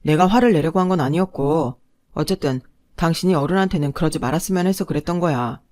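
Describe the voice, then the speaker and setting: A woman's voice: low-pitched, fast, a little mellow, lightly acted. A woman voicing a defensive, self-justifying ex-husband in a narrated story. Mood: pleading. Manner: indignant then wheedling. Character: defensive, pleading adult ex-husband.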